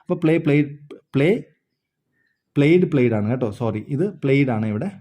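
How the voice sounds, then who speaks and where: Warm-voiced man teaching English. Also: mid-range voice, animated. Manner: explains slowly, repeats words, asks "understood?". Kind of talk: spoken English lesson.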